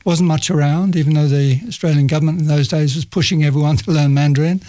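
As an interview guest, a middle-aged man shares his career stories in casual conversation, rambling loosely, cutting himself off and laughing often. He speaks fast, with a warm, steady, slightly high voice.

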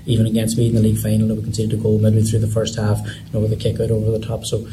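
A man with an Irish accent from Donegal speaks very quickly in a low-key, even tone, as a team manager in an interview. He often repeats phrases, and there is some background noise. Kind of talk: post-match interview talk.

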